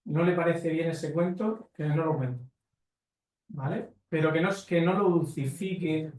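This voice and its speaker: Answering questions on a conference panel, a man talks a little slowly in a darkish, fairly high voice. His delivery is emphatic and blunt, peppered with rhetorical questions aimed at the audience, all captured from far off in an echoey hall.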